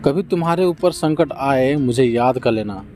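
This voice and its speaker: A man's voice: medium pitch, animated, moderate pace, a little mellow, slight background noise, lightly acted. A man voicing a small, pretty talking bird that pleads tearfully to be set free in a storybook tale. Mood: pleading.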